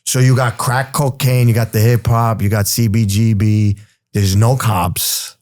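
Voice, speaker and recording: A man's voice: on the low side, measured pace, dry recording, clean studio sound. A man in his forties with a New York accent, telling stories from his past in a casual, streetwise interview manner. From New York City. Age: 40s. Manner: streetwise, animated, says "bro" and "you know". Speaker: guest.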